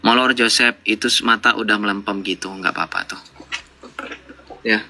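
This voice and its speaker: Sharp-voiced man mocking and lecturing. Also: fairly low pitch, steady tone, normal speed, a little hiss or hum. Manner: mocking, lecturing, rhetorical questions. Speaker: live-stream debate host. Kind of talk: confrontational live debate with callers.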